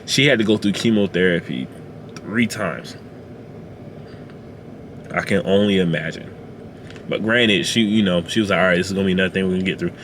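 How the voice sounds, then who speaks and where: A man sharing a personal testimony in a car, speaking haltingly with many fillers and restarts. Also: low voice, noisy background. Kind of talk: emotional personal storytelling. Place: inside a parked car.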